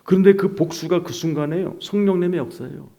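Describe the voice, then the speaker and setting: A middle-aged male pastor giving a personal testimony during a revival sermon in a church, moving between hushed, almost whispered passages and loud, emotional outbursts. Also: sits high, fast.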